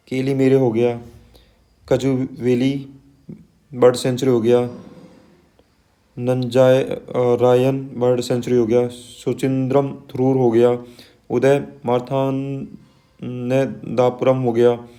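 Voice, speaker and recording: Mellow-voiced man teaching exam lists. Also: medium pitch. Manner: conversational, frequent "है ना" and "ठीक है" tags; reads place lists slowly, one item at a time. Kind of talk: exam-prep lesson.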